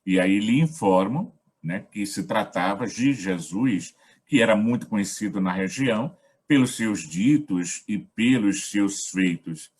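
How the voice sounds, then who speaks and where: A man with a Brazilian accent facilitating a gospel study, talking in a measured, reflective way in short phrases. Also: fairly low pitch, expressive, darkish tone, slightly rough. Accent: Brazilian Portuguese. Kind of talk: reflective spiritual talk.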